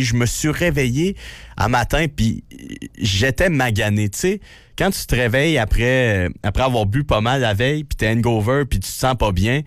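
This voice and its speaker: Young Québécois man with a deep bass voice. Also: dry recording, studio quality. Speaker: radio news reporter. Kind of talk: casual radio chat.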